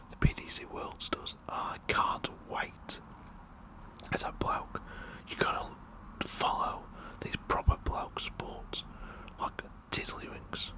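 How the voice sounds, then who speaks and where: A British ASMR performer from the United Kingdom whispers a rambling, jokey, blokey roleplay monologue.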